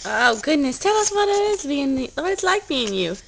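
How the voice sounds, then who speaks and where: A woman's voice: high-pitched, sing-song, moderate pace, gravelly, fairly bright tone, slight background noise. A woman talking to a baby in giggly, sing-song baby talk in a home video. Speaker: family member cooing at a baby. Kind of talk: casual home video chat.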